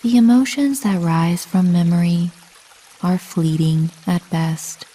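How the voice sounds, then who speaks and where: Calm and soothing, a woman voices a scripted sleep meditation framed as a bedtime story, pacing it carefully with long pauses. Her voice sits on the low side and has a breathy edge.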